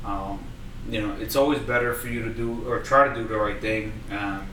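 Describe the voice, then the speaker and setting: A man co-hosting a podcast in casual chat, blunt and profane, getting loud and animated when he argues. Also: on the low side, normal speed. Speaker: podcast co-host. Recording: roomy, distant mic with background noise.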